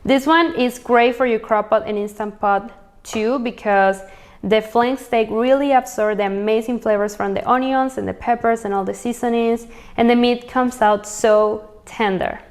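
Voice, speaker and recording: Upbeat woman from Venezuela, slightly high voice, casual chatty recipe host. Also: steady tone, normal speed. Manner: chatty, upbeat, lists ingredients as she cooks. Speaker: cooking channel host.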